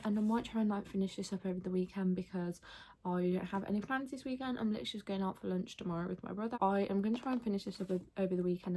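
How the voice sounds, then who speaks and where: A woman's voice: a little hiss or hum, low-quality recording. A young woman chatting casually in a reading vlog, upbeat and full of fillers. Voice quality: slight lisp from a retainer. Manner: quiet, low-key late-night talk; hushed, near-whispered. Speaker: book vlogger.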